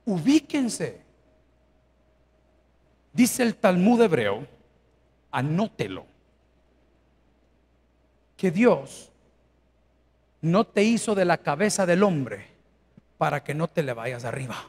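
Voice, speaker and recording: High-voiced preaching man. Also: very animated, takes it slowly, pauses often. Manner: preaching with rhetorical questions, swings from hushed to shouting. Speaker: pastor. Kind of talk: sermon.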